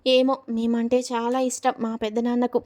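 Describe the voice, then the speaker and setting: A timid young daughter-in-law, voiced by a woman storyteller, speaks softly and innocently. Her voice sits a touch high and moves little in pitch. She sounds earnest and unguarded. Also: little pitch movement, moderate pace, close to an everyday voice.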